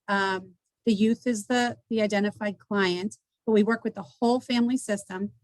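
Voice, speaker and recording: A woman's voice: medium pitch, dry recording, low-quality recording. Brief: woman presenting at a forum, hesitant and full of ums, dry close sound. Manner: hesitant, many ums and restarts. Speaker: community agency representative. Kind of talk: panel presentation. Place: indoor meeting.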